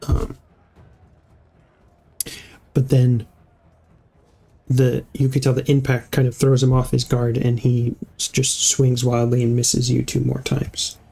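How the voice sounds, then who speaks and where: Male game master, unhurried, mellow tone, hesitant narration with fillers. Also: medium pitch, completely flat delivery, gravelly, faint music behind. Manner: halting, with many fillers and restarts.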